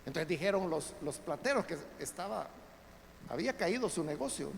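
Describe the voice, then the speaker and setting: A man pastor, giving a conversational Bible study sermon in a church, often calling listeners brothers and building to loud emphatic peaks. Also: a little high, lively intonation, normal speed, vocal fry. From El Salvador. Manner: conversational preaching, addresses listeners as brothers, frequent tag questions. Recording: reverberant church hall, faint background noise.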